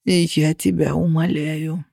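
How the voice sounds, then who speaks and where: A man's voice: a little high, little pitch movement, unhurried, gravelly, darkish tone, no room sound, studio quality. A woman reading aloud, voicing an exasperated, bossy male mage navigator who whispers curt commands with weary sarcasm. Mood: groaning.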